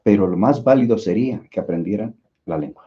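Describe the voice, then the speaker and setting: A man's voice: fairly low pitch, lively intonation, brisk, highs cut off. A man with a Mexican Spanish accent teaching an informal online language class, rambling with many fillers and restarts.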